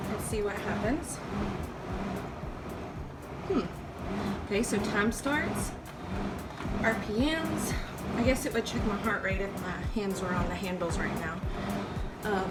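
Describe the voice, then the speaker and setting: A woman in her thirties from the States, chatting casually in a home vlog and filling pauses with "um". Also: mid-range voice, expressive, over loud music. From Southern US. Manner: chatty, frequent "um" fillers. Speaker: family vlogger.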